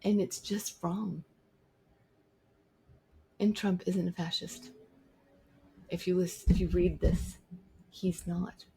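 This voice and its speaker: A woman's voice: lowish voice, fairly even intonation, takes it slowly, gravelly, pauses often, warm tone, a little hiss or hum. A woman vlogger giving an opinionated monologue, emphatic and repeating her points for stress. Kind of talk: opinionated talking-to-camera monologue.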